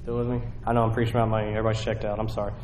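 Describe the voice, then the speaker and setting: A man preaching a sermon in a relaxed, conversational way, often checking in with his congregation. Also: fairly low pitch, rapid-fire, noisy background. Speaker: pastor. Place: church sanctuary. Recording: very echoey hall.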